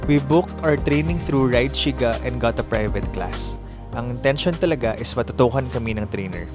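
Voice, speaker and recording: A Filipino-accented man narrates a travel vlog in a scripted voice-over. His voice sits at an average pitch, and music plays underneath. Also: expressive, brisk. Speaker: travel vlogger. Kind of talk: scripted voice-over narration mixing Tagalog and English. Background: music bed.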